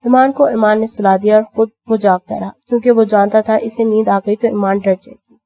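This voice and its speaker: A woman narrating an audio novel in a steady, storytelling manner. Her mid-pitched voice is mellow and dark. The recording is dry and close. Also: dry recording. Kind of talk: scripted narration.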